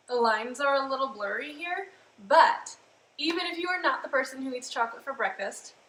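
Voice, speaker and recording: A woman with a slightly hoarse voice, hosting a live cooking demo in a chatty, bubbly way full of fillers. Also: on the high side, fairly bright tone, roomy sound, low-quality recording. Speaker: cooking show host.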